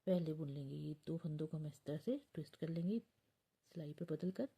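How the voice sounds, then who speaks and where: Soft-spoken mellow woman teaching knitting. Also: deep voice, moderate pace, creaky, slightly rough. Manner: patient, counts stitches aloud, often drops to a soft near-whisper. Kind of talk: step-by-step knitting tutorial.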